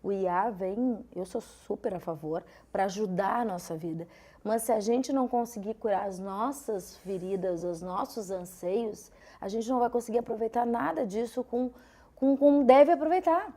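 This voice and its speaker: Woman guest, warm low-key timbre, reflective and explanatory. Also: normal speed. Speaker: guest, journalist. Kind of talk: casual podcast chat.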